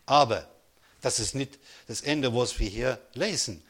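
A male preacher delivers a sermon. He speaks in a mid-range voice, draws words out for emphasis, and keeps checking in with his listeners. The pitch and volume rise and fall often as he presses each point. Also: fairly bright tone, husky. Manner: preaching with call-and-response, slows for emphasis.

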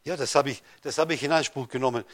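A man preaching a sermon, addressing listeners directly with rhetorical questions and swinging between loud rises and soft drops. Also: mid-range voice, fast talker. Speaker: pastor.

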